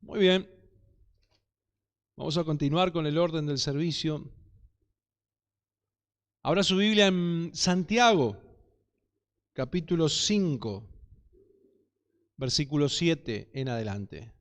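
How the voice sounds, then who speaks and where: A man with an Argentine Spanish accent preaches a sermon, breaking in with frequent amens. His voice sits high and rings smooth and clear. A long church-hall reverb follows each phrase. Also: takes it slowly, long pauses. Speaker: pastor.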